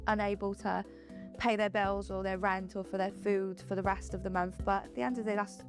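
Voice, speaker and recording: A young Welsh woman with a mid-range voice and a Welsh accent speaks in a level tone, fairly quickly, over music. She's a streamer being interviewed for a documentary, answering bluntly, matter-of-factly and without apology.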